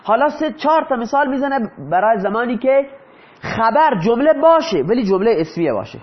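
A man's voice: extremely high pitch, big pitch swings, lo-fi sound. A man teaching Arabic grammar in Persian, often asking his students a question and then answering it himself. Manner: asks the class questions and answers them himself. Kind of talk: explaining lesson in Persian.

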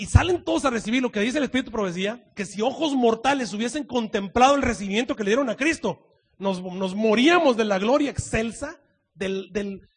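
Husky high-voiced dramatic preacher. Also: male voice. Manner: dramatic storytelling, swinging from loud proclamations to hushed asides. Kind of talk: sermon.

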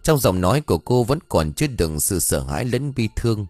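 Low-voiced male storyteller, dry close sound. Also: sing-song, a little fast, darkish tone, no room sound, soft background music. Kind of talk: audiobook narration.

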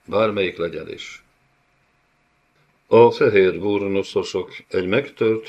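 A man narrating a fantasy novel as an audiobook, telling the story in a steady, dramatic way. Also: low voice, dull audio.

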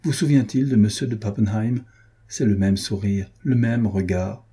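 A man's voice: on the low side, fairly even intonation, moderate pace, warm tone, breathy edge. A man reading as a grieving young noblewoman. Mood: tearful tender. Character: young noble woman, grieving but resolute.

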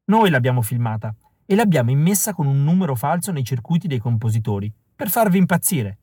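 A man's voice: mid-range voice, very animated, fairly quick, darkish tone, slightly rough, dry recording. A man voicing a young woman rebel who explains plans in a cool, cold manner. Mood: cool briefing. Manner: cold, briefing tone. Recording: dry close recording.

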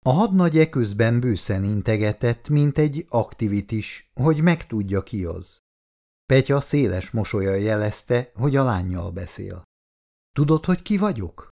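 Male audiobook reader, gravelly low voice, animated delivery. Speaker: audiobook narrator. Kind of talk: scripted narration.

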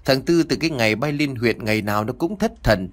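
A man's voice: medium pitch, lively intonation, fairly quick, close to an everyday voice. A man voicing an anxious elderly country mother who rambles and stammers on the phone. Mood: anxious, chatty. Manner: rambling, stammering southern-rural speech.

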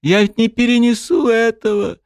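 A man voicing a young female dryad who shouts through tears in an audiobook reading. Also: steady tone, normal speed, no echo, clean studio sound. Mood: tearful fury. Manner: shrill, sobbing shouts.

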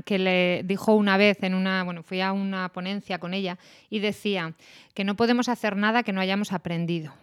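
Thoughtful woman host. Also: medium pitch. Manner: thoughtful, explanatory. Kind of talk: casual chat.

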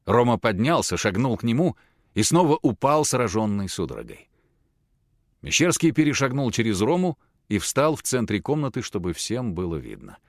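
A man narrating an audiobook with an expressive, dramatic reading. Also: medium pitch, moderate pace, no echo, clean studio sound.

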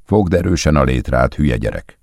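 A blunt, grumbling coworker speaks in a storybook reading, as a male narrator voices him. His voice is deep and husky, with a gravelly fry, and sits close and dry. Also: expressive, darkish tone, no room sound, heavily acted. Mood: gruff.

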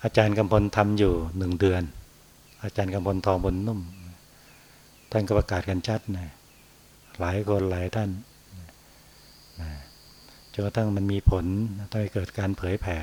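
A man, a Buddhist monk, giving an unhurried dharma talk on meditation and tagging his phrases with a soft particle. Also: low-pitched, level tone, a little hiss or hum.

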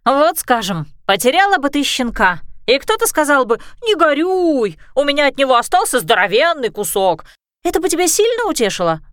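A woman reading a storybook, voicing a chatty, excitable female dragon in a high, bubbly voice. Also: moderate pace, no room sound, studio quality. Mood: upset.

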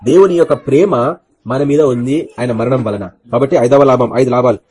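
A man preaching a Good Friday sermon, firing rhetorical questions at the congregation and swinging between loud bursts and quiet asides. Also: medium pitch, normal speed, a little hiss or hum. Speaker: pastor.

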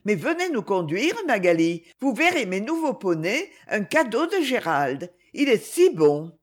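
A woman reading aloud, voicing a lively, affectionate young noble girl in a storybook. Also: measured pace. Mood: eager. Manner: eager, fond, high-spirited.

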